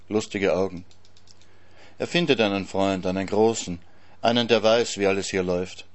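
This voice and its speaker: Man reading literary prose, low-pitched. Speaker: reader.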